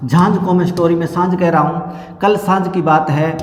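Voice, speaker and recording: A man teaching an exam-prep lesson. He repeats a memory-trick story slowly and explains each word. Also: high voice, steady tone. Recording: echoey room with long reverb.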